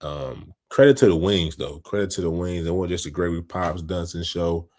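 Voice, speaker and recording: Deep-voiced man in casual sports chat. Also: normal speed, a little mellow. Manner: laid-back, slangy, repeats "you know what I mean". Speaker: podcast co-host.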